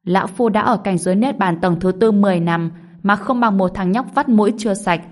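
A woman's voice: mid-range voice, fairly even intonation, a little fast, a little mellow, lightly acted. A woman voicing a boastful old male cultivator villain who talks with scorn and threats. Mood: gloating.

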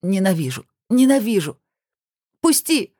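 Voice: mid-range voice, lively intonation, brisk, breathy edge, no room sound, clean studio sound, pitched above the performer's own voice. A reader doing a panicked, furious young woman. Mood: angry, panicked. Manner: raised, sharp outbursts. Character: frightened, furious young woman fighting off her ex.

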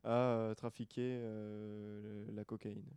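A man's voice: fairly low pitch, level tone, takes it slowly, darkish tone, clear, resonant tone, dry recording. A man co-hosting a podcast in casual chat, talking hesitantly with many fillers and restarts. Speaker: podcast co-host. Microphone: desk microphone.

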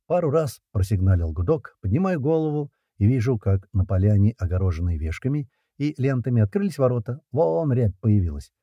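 A man's voice: mid-range voice, sing-song, fairly quick, hardly any pauses, no echo, highs cut off. A man narrating an audiobook in the first person, casual and slangy.

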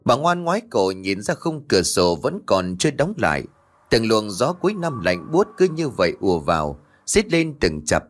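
Man reading a spooky audiobook, low voice that swings up and down a lot, soft music under it. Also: moderate pace. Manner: expressive, dramatic storytelling. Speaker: audiobook narrator. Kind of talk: scripted story narration. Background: faint music.

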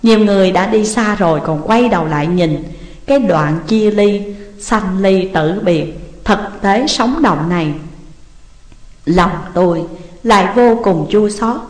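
A woman reading a novel aloud as audiobook narrator, in steady, measured storytelling. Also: medium pitch. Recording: roomy with long reverb.

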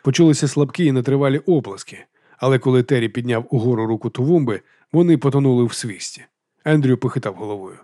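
A man narrating a novel as an audiobook in a steady, even manner. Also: medium pitch, fast, no room sound, clean studio sound.

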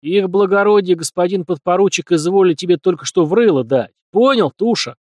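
A man voicing a gruff, mocking male Cossack who grumbles. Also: on the high side, normal speed, no echo, pitched above the performer's own voice, natural voice.

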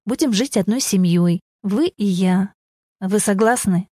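A grey-haired older man who admits to grumbling and now pleads for forgiveness, read by a woman narrator. The voice is mellow and dark, recorded close and dry for an audiobook. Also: mid-range voice, measured pace, breathy edge, dry recording. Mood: pleading.

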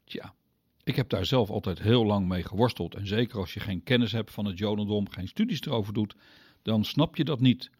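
A man teaching the Bible on the radio, speaking directly to his listeners and explaining step by step, with sudden pitch leaps on key words. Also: a little mellow, slightly rough, dry recording, studio quality.

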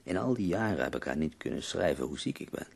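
For a radio play, a man voices an ailing poet with a very deep, creaking voice that is husky and breathy and can sink toward a whisper. He sounds melancholy, weary and wistful yet dryly wry, delivered in an exaggerated, sing-song way at a quick pace.

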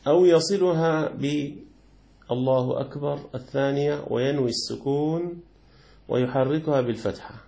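Gravelly sheikh teaching slowly. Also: male voice, fairly high pitch, dark tone. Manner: explains patiently, repeats key words, asks and answers himself; chants the call-to-prayer words slowly. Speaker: sheikh teaching Hanafi jurisprudence. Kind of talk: classical text lesson.

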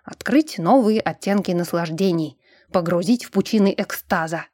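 A woman's voice: lowish voice, normal speed, darkish tone, dry recording, lightly acted. A woman doing a brash, boastful werewolf man. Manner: boisterous, teasing and boastful. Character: brash, lecherous male werewolf, a boastful joker.

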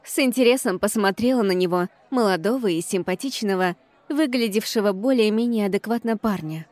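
A woman's voice: medium pitch, fairly quick, darkish tone, no room sound. Woman, audiobook narrator, first person, ironic and exasperated, dry close sound. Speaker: audiobook reader.

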